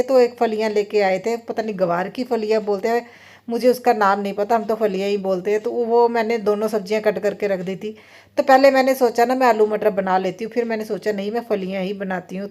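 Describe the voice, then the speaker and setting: A woman in her thirties, a mother and vlogger, records a casual phone voice-over about her day at home. Her mid-range voice has a darkish tone, and she chats and rambles with lots of fillers.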